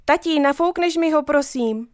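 A woman voicing an eager little girl who pleads in a high, excited voice. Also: no room sound, clean studio sound, lightly acted. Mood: pleading.

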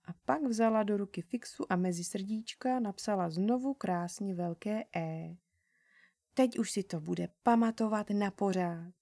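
A woman reading a children's story aloud in a gentle, unhurried narrating voice. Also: mid-range voice, vocal fry, no echo, clean studio sound.

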